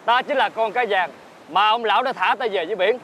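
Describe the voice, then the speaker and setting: A man's voice: high voice, fairly quick, bright, forceful tone, slight background noise. A man playing a golden fish who is a young Dragon King prince, speaking in a solemn, lordly way. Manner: solemn, lordly, addresses the old man as "lão". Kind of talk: fairy-tale drama acting.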